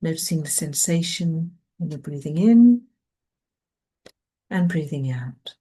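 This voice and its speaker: A woman with a deep, slightly rough voice and lively intonation leads a guided mindfulness meditation. She speaks gently and soothingly, with long pauses between phrases.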